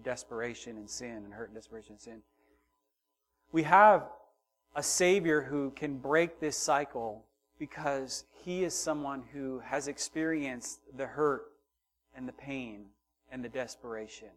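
A middle-aged man preaching a sermon, moving from hushed, quiet passages to loud, emphatic ones and acting out the voices in the story. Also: mid-range voice, measured pace, slight background noise. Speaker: pastor.

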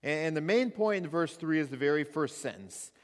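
A man's voice: a little high, lively intonation, fairly quick. A male pastor preaching a sermon at a pulpit microphone in a church, speaking conversationally with frequent restarts. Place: church sanctuary. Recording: long reverb of a church hall.

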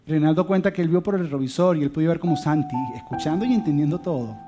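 A man with a slightly high voice tells a heartfelt story to a congregation, his delivery animated and swinging from loud emphatic bursts to hushed, soft lines. Gentle guitar plays clearly behind him throughout. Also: quick pace. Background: soft guitar music.

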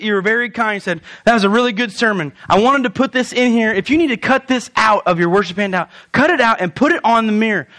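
A man's voice: very high-pitched, a bit bright. A man preaching a sermon as pastor in a church, telling the story with animation and acting out the scenes.

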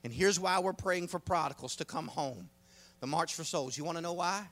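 A preacher man, delivering a folksy sermon that swings from hushed talk to shouting. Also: on the high side. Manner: fervent, swings from hushed to shouting, drawn-out emphasis; folksy, frequent "uh" fillers.

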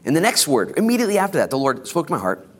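A man's voice: fairly high pitch, huge pitch swings, rapid-fire. American male preacher, casual and exhorting, noisy room. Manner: casual, colloquial, exhorting, with slangy asides and acted-out quotes. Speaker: pastor preaching. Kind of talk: informal evangelical sermon.

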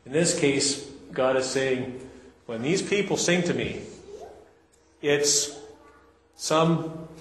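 A man's voice: medium pitch, lively intonation, measured pace. A man preaching an earnest, conversational sermon, reading scripture aloud and explaining it, in a church sanctuary. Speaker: pastor. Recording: echoey hall with long reverb, faint hiss.

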